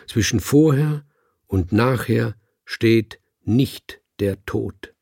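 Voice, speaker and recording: A man's voice: fairly low pitch, gravelly, darkish tone, husky, dry recording, studio quality, full character voice. A man reading an audiobook and voicing a male cat who preaches to other cats in a sonorous, solemn manner. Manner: sonorous, slow and grave like a sermon.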